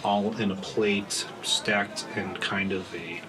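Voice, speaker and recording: A man working as game master, improvising tabletop narration in casual, halting phrases. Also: fairly low pitch, steady tone, crowd noise. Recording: noisy room, ambient sound.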